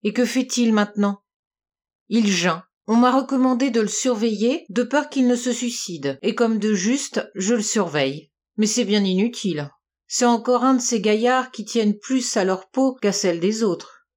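A woman's voice: on the high side, normal speed, a little mellow, close to an everyday voice. A woman doing a scornful prison guard. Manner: dismissive, scornful.

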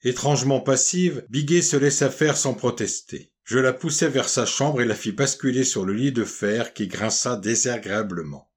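A man narrating a first-person novel as an audiobook, in a measured, even storytelling delivery. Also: medium pitch, breathy edge.

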